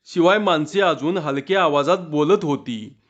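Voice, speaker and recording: A man reading a humorous story aloud, narrating steadily and voicing the village dialogue. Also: on the high side. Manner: measured narration with voiced dialogue. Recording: dull lo-fi recording.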